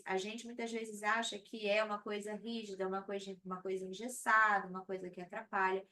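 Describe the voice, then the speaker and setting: A woman's voice: on the high side, fairly bright tone. Woman, 30s, sleep consultant on a live stream, chatty and reassuring, slightly distant mic with faint hiss. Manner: conversational, frequent "tá?" check-ins. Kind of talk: live-stream talk to viewers.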